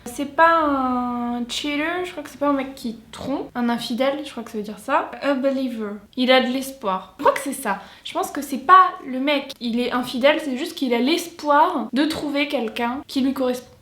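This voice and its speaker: French girl reacting to a song, high voice, kinda hesitant, roomy echo. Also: fairly quick, fairly bright tone. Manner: chatty, thinks aloud, hesitant. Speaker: music video reactor. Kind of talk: casual reaction and translation.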